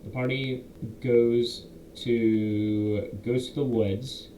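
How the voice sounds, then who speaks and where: A man's voice: medium pitch, steady tone, dark tone. Rambling young man in an echoey room. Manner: rambling, self-correcting, quotes players in quick asides. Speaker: game master recapping a campaign. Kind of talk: casual recap monologue. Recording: roomy echo, faint background hiss.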